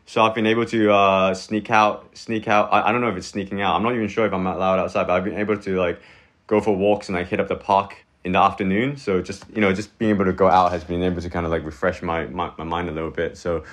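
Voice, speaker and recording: Talking fast in a fairly low voice, this Hong Kong man in his thirties is a relaxed guest in a casual conversation. He wanders from point to point, sprinkling in fillers like "you know" and "like."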